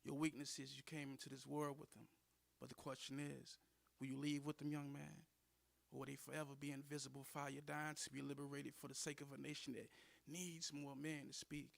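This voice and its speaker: A man performing spoken word poetry in a slow, measured way, repeating lines for weight. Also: mid-range voice, level tone, vocal fry, no room sound.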